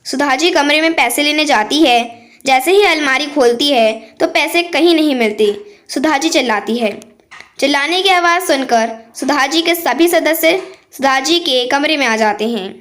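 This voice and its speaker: A woman narrating a family moral story in a steady, plain way. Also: high voice, moderate pace.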